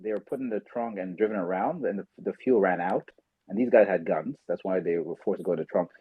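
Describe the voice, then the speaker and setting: A man hosting a podcast in casual chat, animated and blunt, swearing and talking over others. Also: sits low, fast talker, breathy edge, no echo. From South Sudan. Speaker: podcast host. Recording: muffled lo-fi call audio.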